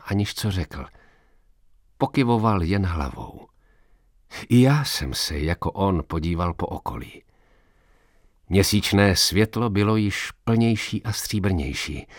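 A man reading a story aloud in first person, with expressive, measured narration. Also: deep voice, no room sound, studio quality.

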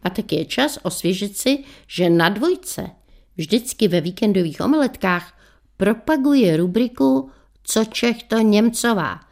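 A woman radio presenter reading her own short story aloud with wry, lively storytelling. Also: medium pitch, creaky.

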